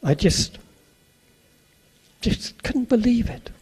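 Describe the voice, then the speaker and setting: An older man with a Suffolk English accent preaches to a gathered audience, his voice sitting fairly high for a man. He takes his time and moves at an unhurried, slow pace. He keeps the talk chatty, asks the listeners questions and slips in little jokes. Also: expressive, darkish tone, husky, soft background music. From Suffolk, England. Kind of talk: anecdotal sermon to a live audience.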